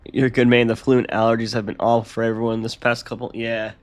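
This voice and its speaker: A man's voice: mid-range voice, completely flat delivery, fast talker. A man with a congested, nasal voice, chatting casually on a live stream as he rambles through his modding work aloud.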